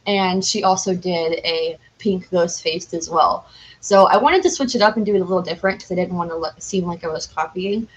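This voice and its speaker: A young woman appears as a podcast guest, chatting casually and enthusiastically, rambling and saying "like" constantly. Her voice is lowish and a little fast, and the poor audio carries a slight hiss or hum.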